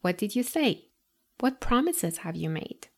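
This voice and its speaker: A woman's voice: mid-range voice, sing-song, darkish tone. Woman teacher guiding listeners with questions. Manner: addresses listener directly with guiding questions and pauses. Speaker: English teacher and podcast host. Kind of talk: scripted podcast lesson.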